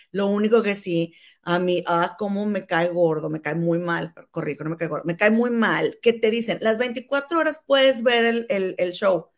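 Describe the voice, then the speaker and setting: A woman in casual gossip chat, animated and calling her listener comadre. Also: medium pitch. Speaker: co-host.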